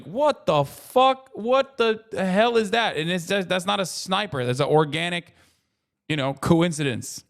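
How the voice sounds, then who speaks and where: A man's voice: on the high side, fairly bright tone. A man in his thirties, a streamer talking casually and profanely in a rambling way while reacting to a video. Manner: profane, rambling, frequent "you know what I mean".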